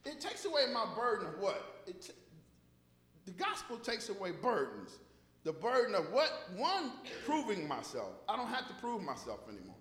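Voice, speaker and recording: A man's voice: sits high, wildly swooping pitch, moderate pace, a bit bright. An American man preaching informally to a congregation, repeating phrases for emphasis and calling for responses. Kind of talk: informal, conversational sermon with call and response. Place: large echoey room, preaching to a congregation. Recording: echoey hall with long reverb.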